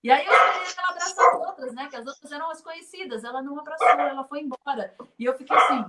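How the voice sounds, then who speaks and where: A woman's voice: sits high, fast, heavy background noise. A middle-aged woman from Brazil who teaches in children's ministry, giving an online conference talk and telling stories with acted-out dialogue and frequent laughter. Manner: lively storyteller, laughs often, acts out quoted dialogue.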